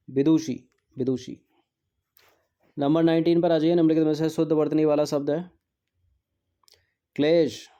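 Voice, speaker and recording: A male teacher with a slightly high, warm voice goes through exam practice questions. He repeats words to drill their spelling and mixes in English terms.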